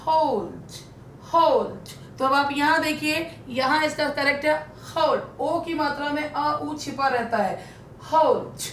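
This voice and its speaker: A woman teacher giving an exam-prep lesson, drawing out English words slowly. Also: a bit bright. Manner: says English words slowly and stretches them out. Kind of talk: online lesson in Hindi and English. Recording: echoey room, faint rumble.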